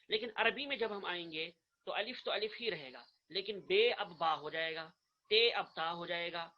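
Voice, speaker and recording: A man teaching an online course, earnest, repeating his points and reciting the letters slowly, in a dull lo-fi recording. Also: high-pitched, sharp tone. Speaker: Arabic grammar teacher. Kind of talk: online lecture.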